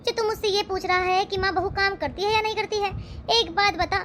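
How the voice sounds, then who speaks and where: A woman's voice: extremely high pitch, steady tone, a little fast, a loud crowd. A woman voicing a scheming mother-in-law who taunts her son and complains about her daughter-in-law. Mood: nagging.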